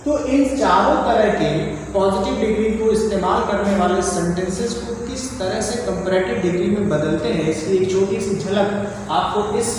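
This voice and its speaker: Man from India, grammar teacher, step-by-step explaining, high voice, far from the mic, echoey hall. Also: normal speed, background noise. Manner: explains step by step, often repeats "dhyan dijiye" to keep students attentive. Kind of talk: classroom grammar lesson.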